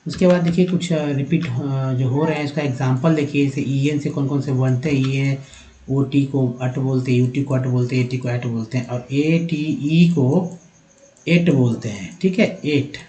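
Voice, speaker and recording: A man's voice: mid-range voice, fairly even intonation, moderate pace, dark tone, roomy sound, a little hiss or hum, rough recording. A man teaches English spelling and pronunciation, repeating letter patterns aloud and addressing viewers as friends.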